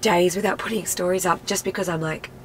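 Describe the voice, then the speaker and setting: A woman's voice: fairly low pitch, steady tone, fairly quick, a little hiss or hum, rough recording. A woman in her thirties with a nasal, congested voice from a cold, chatting candidly to camera from her car with plenty of "like" fillers. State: sick with a cold. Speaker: vlogger and mum. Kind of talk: casual car chat to camera. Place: inside a parked car.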